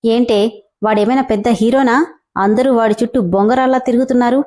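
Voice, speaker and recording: A woman's voice: a little high, fairly even intonation, quick pace, warm tone, close to an everyday voice. Woman reading a jealous bitter college guy. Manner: bitter, scornful. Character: jealous resentful male college student.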